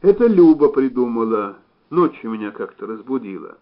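A man voicing an enthusiastic young male doctor who talks quickly and eagerly, on a slightly dull recording. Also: medium pitch, very animated, close to an everyday voice. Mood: pleased.

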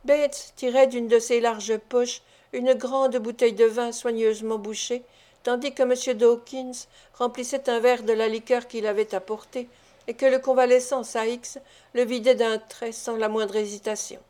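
Audiobook narrator, woman, fairly high voice, measured storytelling delivery. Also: level tone, warm tone. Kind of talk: classic novel audiobook reading.

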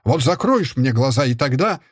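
A man voicing a stern, furious middle-aged father who is a historian, shouting with bitter scorn. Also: medium pitch, very animated, normal speed, husky, dry recording, clean studio sound.

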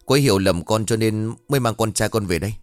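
A man's voice: fairly low pitch, fast, no echo, studio quality, faint music behind, natural voice. A man doing an aggressive young husband. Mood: stammering. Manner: shouting, then stammering.

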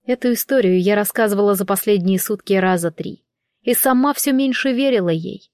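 A woman narrating a first-person fantasy audiobook in a wry, even storytelling manner. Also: medium pitch, fairly quick, no echo. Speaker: audiobook reader.

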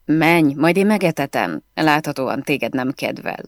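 Audiobook read: woman doing a cranky movie star, low voice with lively swings, dry sound. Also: no room sound. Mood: soothing. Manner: sharp, annoyed, then gentle to her bird. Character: irritated famous female film star, young adult.

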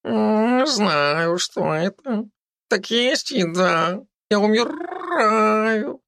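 A man voicing a cheeky, hungry male cat in an audiobook, pleading in a drawn-out, whiny way. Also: sits high, lively intonation, fairly bright tone, no echo, voice pushed up, full character voice.

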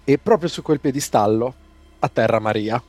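Guy game master, warm mellow voice, dry close sound, faint music behind. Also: medium pitch, moderate pace, no room sound. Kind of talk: narrating a tabletop role-playing session.

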